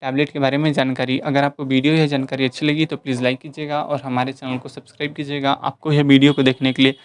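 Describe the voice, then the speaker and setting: A man giving an explanatory voice-over as host of an informational channel, listing points one after another at a steady pace. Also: medium pitch, fast, clean tone.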